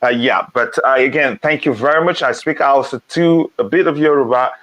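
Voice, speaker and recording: A man's voice: mid-range voice, a little fast, fairly bright tone. A man who grew up in Nigeria, hosting a casual live football chat stream, reading out chat comments and talking with frequent ums and restarts.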